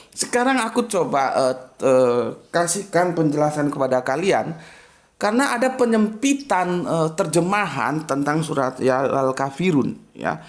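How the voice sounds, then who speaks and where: A man giving a casual religious lesson, emphatic and full of rhetorical questions and spoken examples. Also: on the high side. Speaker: Islamic teacher.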